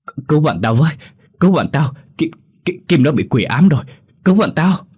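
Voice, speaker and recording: A man's voice: lowish voice, fairly even intonation, quick pace, a little mellow, breathy edge. A man voicing a terrified young man who pleads for help, breathless and sobbing. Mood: panicked. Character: terrified young man fleeing a possessed friend.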